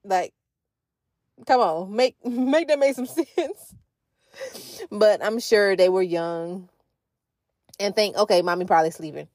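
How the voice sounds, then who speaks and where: A woman in her thirties, a mother who hosts a podcast, tells a family story in a relaxed, conversational style and asks her listeners questions along the way. She speaks slowly at medium pitch with long pauses and a slightly mellow tone, in clean studio sound free of echo.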